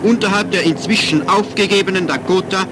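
High-pitched man narrating an old newsreel. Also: a little fast, background noise. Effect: archive newsreel clip played in a radio report.

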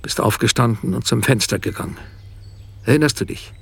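A middle-aged man telling a haunted first-person story to his wife in a radio drama, hushed and often dropping toward a whisper. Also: mid-range voice, fairly quick, vocal fry, slightly rough.

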